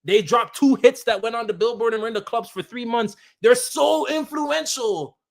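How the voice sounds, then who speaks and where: Male streamer, high voice, heated combative rant aimed at chat. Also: fairly even intonation, quick pace. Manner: combative, repetitive, talks straight at chat. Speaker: live streamer.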